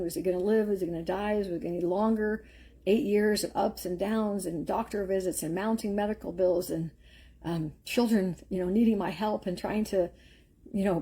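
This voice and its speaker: Husky, mellow-voiced woman giving faith encouragement. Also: medium pitch. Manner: earnest, rambling, storytelling with filler words. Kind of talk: live-streamed faith encouragement talk.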